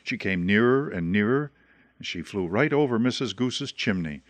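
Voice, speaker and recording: A man reading a children's story aloud in a gentle, expressive way. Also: fairly low pitch, normal speed, no room sound. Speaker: storybook reader.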